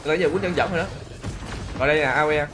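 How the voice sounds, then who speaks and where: A man doing live gameplay commentary, who exclaims loudly and greets and teases his chat viewers. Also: on the high side, racing. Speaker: game streamer. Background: game music.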